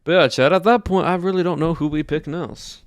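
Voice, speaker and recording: On a casual livestream, a man muses aloud to viewers in a fake American Southern drawl. His voice runs on the high side and brisk. The sound is clean studio audio with no room sound.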